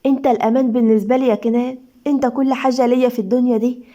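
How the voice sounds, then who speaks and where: A woman's voice: fairly high pitch, steady tone, very fast, dark tone, highs cut off, lightly acted. A woman voicing a nervous, pleading young wife with an Egyptian accent in an audio love story. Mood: tender. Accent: Egyptian Arabic. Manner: anxious, pleading. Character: young wife, fearful then tender.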